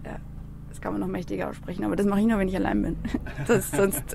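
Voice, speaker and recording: A woman reciting her own spiritual text in a slow, dreamy, incantatory way, often dropping into a gravelly whisper. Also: medium pitch, very animated, background noise. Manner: slow, dreamy, incantatory, mixing in English phrases.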